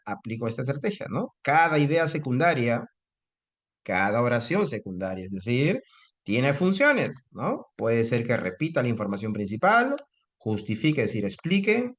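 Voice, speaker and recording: Man, teacher, animated intonation, explanatory lecture. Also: mid-range voice. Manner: explanatory, checks with frequent tag questions. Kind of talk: online lecture on reading comprehension.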